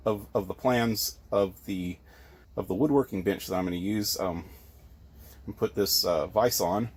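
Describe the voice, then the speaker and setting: A man's voice: on the low side, darkish tone, slight background noise. A man giving a casual, rambling tour of his tiny workshop outdoors, filled with ums and restarts, recorded on a handheld camera. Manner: rambling, chatty, with many ums and self-corrections. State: a little out of breath. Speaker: hobby woodworker giving a shop tour. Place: outdoors at an RV park among trees.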